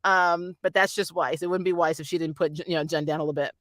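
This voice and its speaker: Speaking fast with fairly even intonation, the reviewer gives casual, animated fan commentary on a show, giggling and acting out characters' lines as the channel host. The mid-range voice is slightly bright, and the studio recording is clean with no room sound.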